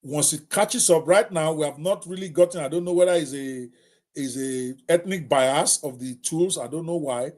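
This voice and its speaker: Middle-aged Nigerian male host, emphatic, repeats points, talks straight to viewers, pitched on the high side. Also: normal speed, darkish tone. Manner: emphatic, repetitive, direct address to viewers. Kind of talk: live talk on technology.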